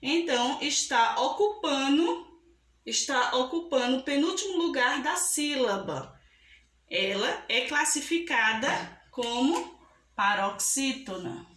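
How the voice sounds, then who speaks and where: Lady teacher going real slow, kinda high voice, echoey classroom. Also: lively intonation, a bit bright. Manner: slow, patient, stretches out example words; affectionate, checks in often with the class. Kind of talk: school lesson. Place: classroom with a board.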